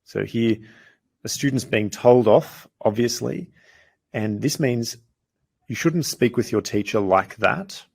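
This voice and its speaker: The teacher is a man with a darkish tone and a mid-range voice, covering grammar in a language lesson. He goes through example sentences patiently and enunciates foreign phrases slowly.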